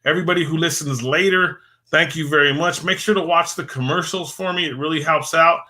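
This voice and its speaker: His voice slightly high, brisk, bright and forceful, a man hosts a casual late-night livestream. He rambles and repeats himself thanking viewers by name, and he is losing his voice as it wears thin and fades.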